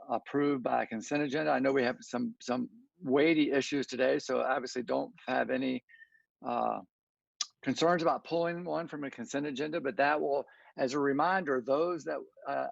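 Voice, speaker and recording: A man chairing a virtual public meeting, reading a formal resolution in a flat, even tone. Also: medium pitch, normal speed, creaky, no room sound. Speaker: commission chairman. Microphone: video call. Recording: dull dry lo-fi video call audio.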